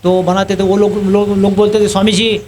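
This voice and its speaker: A man giving a scripture class in a temple, telling a story in a lively way, acting out what others said and laughing now and then. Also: high voice, brisk, slight background noise. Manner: animated storyteller acting out other people's quotes and laughing at his own story. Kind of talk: storytelling sermon. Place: temple hall.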